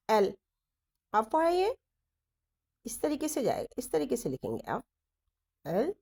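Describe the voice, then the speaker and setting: Slow, lively-voiced woman teaching shorthand. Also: on the high side, vocal fry, slightly rough. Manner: deliberate, repeats letters and directions while writing. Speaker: stenography teacher. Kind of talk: slow step-by-step lesson explaining shorthand strokes.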